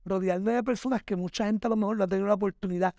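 A man's voice: high-pitched, steady tone, rapid-fire, a little mellow, dry recording, clean studio sound. A man, a podcast guest giving emphatic, preachy motivational talk. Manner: emphatic, preachy, dramatic, addresses listener as "mi amor".

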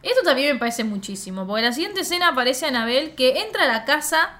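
Woman, Argentine accent, young adult, chatty podcast recap, slangy, higher pitch. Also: big pitch swings, fast talker, bright, forceful tone. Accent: Argentine Spanish. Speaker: podcast co-host. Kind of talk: casual reaction podcast chat.

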